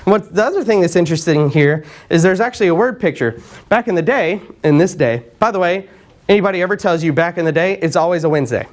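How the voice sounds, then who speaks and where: A man preaching a sermon in a conversational way, often repeating words and clearing his throat. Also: sits high, animated, quick pace. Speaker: pastor.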